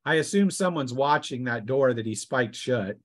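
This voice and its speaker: At a tabletop role-playing game, a man serving as game master casually narrates scenes and gives rulings, occasionally haltingly. His voice is medium-pitched with lively intonation.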